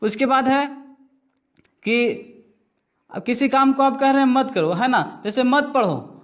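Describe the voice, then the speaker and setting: A male teacher with a strikingly high voice walks students through a grammar lesson, stopping often to check they follow. He asks a question and then repeats the answer himself. The sound is dull and lo-fi. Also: unhurried.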